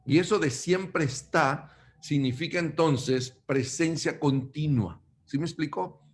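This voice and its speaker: A man from Mexico preaching a sermon, addressing his listeners as brothers and swinging between loud emphatic bursts and quiet low asides. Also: measured pace.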